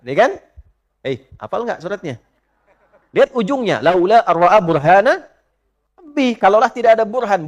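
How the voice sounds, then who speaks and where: A man preaches a sermon. He chants Arabic verses slowly and questions his listeners directly, swinging from emphatic peaks to soft asides. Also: on the high side. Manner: asks the audience direct questions. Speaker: Islamic preacher.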